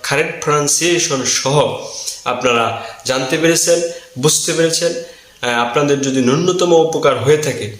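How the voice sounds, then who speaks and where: A man's voice: on the high side, a bit bright. Man teaching pronunciation in an echoey room. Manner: slow, repeats the key word again and again. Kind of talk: whiteboard pronunciation lesson. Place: indoor room with a whiteboard.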